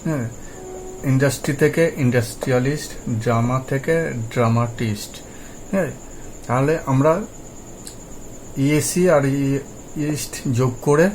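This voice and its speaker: A man teaching English pronunciation and word meanings, patiently repeating words for practice in a slow drill. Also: mid-range voice, a little mellow, slight background noise, poor audio. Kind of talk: Bengali-language lesson, spoken explanation.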